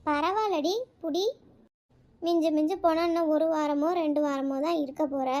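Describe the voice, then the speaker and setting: A woman's voice: sits high, steady tone, normal speed, a little mellow, natural voice. A woman voicing a breezy, teasing middle-aged mother of the bride in a cartoon.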